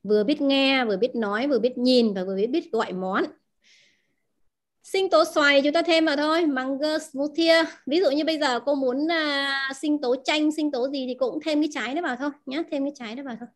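A woman with a high voice and a fairly quick delivery teaches a language class, explaining vocabulary and asking her students lots of questions. She repeats the key words, and her first language is Vietnamese.

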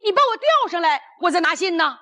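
A woman storyteller voicing a nervous, nosy male spy posing as an officer, gravelly and dramatic. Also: extremely high pitch, big pitch swings, fast, pushed and bright, exaggerated voice. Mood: insistent. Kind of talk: storytelling character dialogue.

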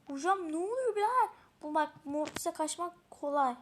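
High-voiced excitable woman gaming. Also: normal speed, slight background noise. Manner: excitable, swears often, talks to herself. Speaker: gamer playing a mobile game. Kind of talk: casual gameplay commentary.

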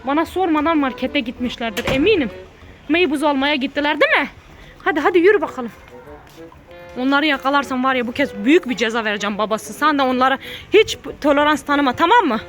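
A woman in her thirties, a mother scolding her children and repeating quick commands in a family vlog. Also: sits high, expressive, fairly bright tone, soft background music.

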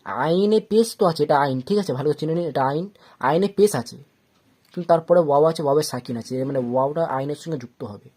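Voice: medium pitch, fast talker, a little mellow. A teacher giving a Quran reading lesson, patiently spelling out letters syllable by syllable and drawing out the long vowels. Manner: patient, repeats each step and checks understanding.

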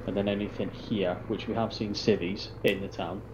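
Lower male teammate on headset, methodical, thinks aloud, dull audio with game noise behind. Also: steady tone, moderate pace. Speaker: teammate planning the assault. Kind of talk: gaming voice chat, planning.

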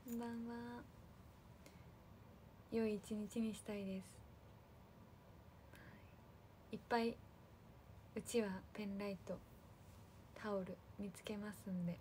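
A woman's voice: medium pitch, a little hiss or hum. Chatty woman livestreaming to fans. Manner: chatty, thanks viewers by name, soft and friendly. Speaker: idol livestream host. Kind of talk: casual livestream chat with fans.

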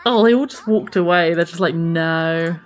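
A woman's voice: lowish voice, quick pace, soft background music. A woman streaming a life-simulation game, chatting casually and gushing thanks to her viewers. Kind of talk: casual gameplay live stream chat.

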